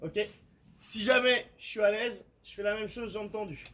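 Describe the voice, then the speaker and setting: A man's voice: high voice, moderate pace, fairly bright tone, a little hiss or hum, poor audio. A man, a fitness coach, explaining and demonstrating home workout exercises, often checking in with his listeners. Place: outdoor terrace at home.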